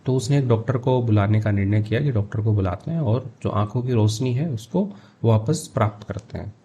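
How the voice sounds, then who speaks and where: Mellow-voiced man teaching English. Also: on the low side, a little hiss or hum. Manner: reads English phrases slowly, then explains in Hindi. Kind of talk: line-by-line story translation lesson.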